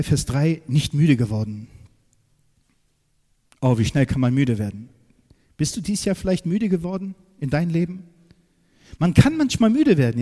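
A man preaching a sermon, emphatic and direct, asking his listeners questions and swinging from loud outbursts to quiet, low asides. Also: big-room sound.

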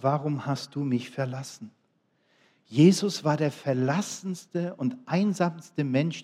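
A middle-aged man preaching a sermon, swinging between loud, emphatic appeals and quiet, low asides.

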